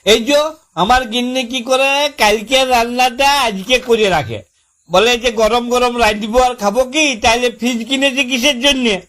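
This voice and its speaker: In a comic phone-call skit, a man plays an aggrieved village husband griping about his new fridge. His voice is very high-pitched, unhurried and sharp, heavily acted, with a rural West Bengal accent. Exasperated and rambling, he spins long-winded, folksy complaints and keeps repeating himself.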